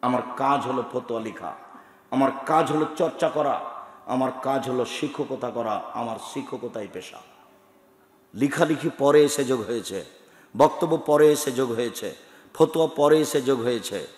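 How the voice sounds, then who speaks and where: A middle-aged man from Bangladesh, preaching a sermon forcefully, swinging from loud shouted lists to low asides. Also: normal speed. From Chapainawabganj, Bangladesh. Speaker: teacher and scholar. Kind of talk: Bengali sermon. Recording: echoey hall with long reverb.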